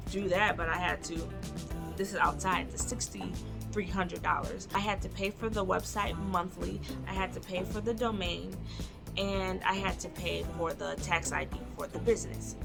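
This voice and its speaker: A woman's voice: lowish voice, vocal fry. A woman in her twenties telling an indignant storytime in a vlog, with music underneath. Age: 20s. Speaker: vlogger.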